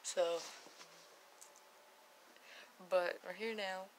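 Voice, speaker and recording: A young woman, rambling through a casual morning vlog at home in a groggy morning voice and keeping it quiet. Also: medium pitch, fairly even intonation, very slow, slight background noise, poor audio. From Canada. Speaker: vlogger. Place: home, indoors.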